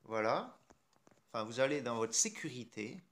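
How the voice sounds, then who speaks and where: A man's voice: mid-range voice, sing-song, normal speed, background noise. A man with a French accent hosting a casual phone tutorial, chatty and irreverent, with mild swearing. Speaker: tech tutorial host. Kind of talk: casual screen-recorded tutorial.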